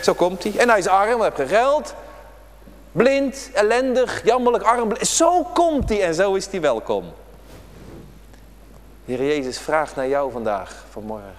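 Brief: male pastor, high and very expressive voice, preaching to kids, church reverb. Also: unhurried. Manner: emphatic, repetitive preaching addressed to children. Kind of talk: children's prayer-day sermon.

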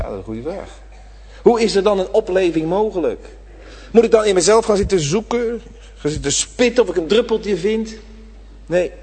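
A man preaching a sermon to his congregation, swinging between loud emphatic lines and hushed ones. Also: high-pitched, slightly rough. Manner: addresses the congregation directly. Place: church. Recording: reverberant church hall.

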